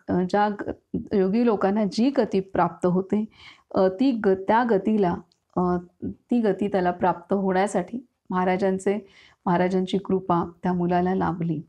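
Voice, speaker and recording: A woman with a Marathi accent reading aloud from a saint's biography and explaining it, pausing often with hesitant fillers. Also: medium pitch, warm tone. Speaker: reader and commentator on a saint's biography. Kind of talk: devotional reading with commentary.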